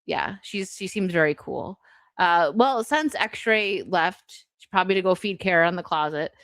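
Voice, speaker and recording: A woman's voice: on the low side, moderate pace, fairly bright tone, dry recording. A woman hosting a casual livestream chat, talking in a giggly, rambling way full of fillers. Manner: chatty, giggly, many "like" fillers. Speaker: streamer host.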